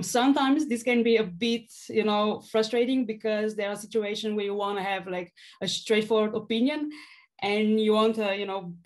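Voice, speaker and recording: A woman with a Slovenian accent speaks in a casual interview at a medium pitch. Her delivery is halting and hesitant, as she feels her way toward each word. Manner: hesitant, halting, searching for words. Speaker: podcast guest, philosophy PhD student and stand-up comedian.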